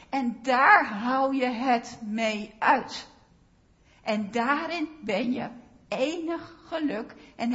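A woman preaching a sermon in a slow, earnest way, pressing on key phrases. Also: sits high, fairly bright tone, dull audio.

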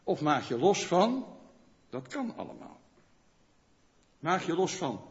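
A man preaching a sermon in a conversational way, often asking the congregation questions and checking in with a quick "yes?". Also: a little high, big pitch swings. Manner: rhetorical questions to the listeners. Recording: long church reverb, dull lo-fi sound.

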